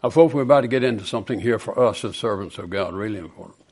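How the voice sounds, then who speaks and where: A man preaching a sermon, moving from hushed storytelling to loud, impassioned peaks. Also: fairly low pitch, racing.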